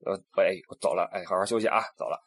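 Husky fast-talking male tour guide. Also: low voice. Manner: animated, acts out quoted people, many restarts. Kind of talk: casual storytelling monologue.

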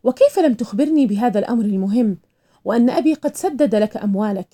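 A woman's voice: a little high, animated, fast talker, dark tone. A woman voicing a young heiress who sharply accuses a man of deceiving her father. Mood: accusing.

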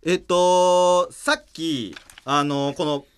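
A man with a Kansai accent hosting a casual comedic radio chat, bantering and quick to laugh and retort. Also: a little high, steady tone, smooth. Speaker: radio show host. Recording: music playing behind the voice.

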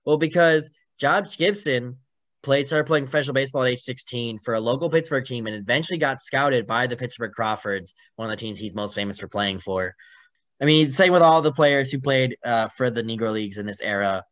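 A young man co-hosting a casual sports podcast, rambling along with plenty of fillers. His voice sits at an ordinary middle pitch. The sound is dry and close. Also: a little fast, fairly bright tone, no room sound. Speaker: podcast co-host.

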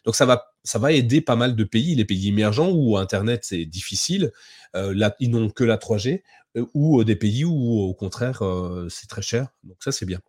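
Low-voiced dude chatting tech, keeps hunting for the right word. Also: male voice, animated, normal speed, a little mellow, husky, dry recording, clean studio sound. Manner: searches for words, repeats himself. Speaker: podcast co-host. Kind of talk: casual tech chat.

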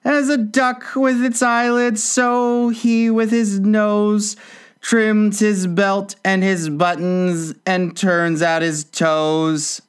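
Polite, wondering young girl, read by a man, lifted pitch. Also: level tone, extremely slow, clean tone. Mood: curious.

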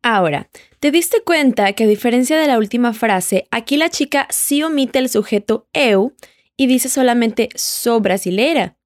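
This is a patient female Portuguese teacher leading an audio lesson, her pitch a touch high, repeatedly inviting the listener to say the words back. She speaks expressively at an ordinary pace. The sound is intimate and dry, free of any room ambience.

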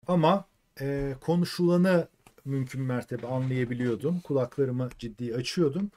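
A man from Turkey co-hosting a casual chat, calmly reading out and answering viewer questions. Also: medium pitch, moderate pace. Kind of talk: casual live-stream chat.

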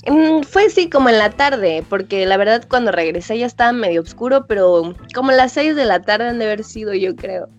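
A woman's voice: a little high, lively intonation, normal speed, few pauses, highs cut off, soft background music. A woman from Comitán, Chiapas, with a mild Chiapas Mexican accent, a guest in a casual interview, chatting with fillers and frequent laughter.

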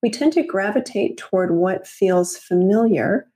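A woman talking in a podcast conversation, explaining things in a measured way and laughing easily. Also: medium pitch, lively intonation, warm tone, husky.

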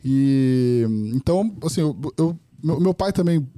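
Rambling Brazilian man, dark mellow voice. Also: fairly high pitch, a little slow, dry recording. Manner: rambling, many restarts and fillers. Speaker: podcast guest. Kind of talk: casual interview chat.

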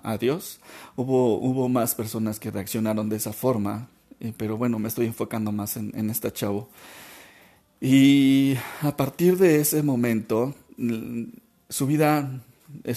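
A man's voice: mid-range voice, dark tone. Male podcast host, earnest storyteller who stumbles and repeats himself, mid-range voice. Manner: halting, emotional, many restarts and repetitions.

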